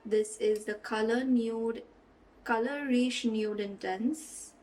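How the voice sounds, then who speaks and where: A woman's voice: on the high side, steady tone, takes it slowly, a little mellow, recorded from a distance, slight background noise, poor audio. Chatty young woman doing makeup. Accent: playful fake British accent mixed into her own. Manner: chatty, rambling, giggly. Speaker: beauty vlogger. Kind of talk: casual get-ready-with-me makeup chat. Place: home room with rain and traffic outside.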